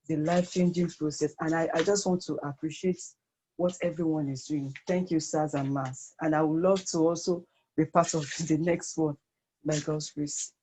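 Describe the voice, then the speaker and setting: A woman's voice: low-pitched, fairly even intonation, normal speed, dark tone, a little hiss or hum. A woman speaking over an online group voice call as a guest participant, earnest and given to repeating and restating her phrases in spontaneous remarks. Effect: heard over an online group voice call. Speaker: guest participant giving feedback.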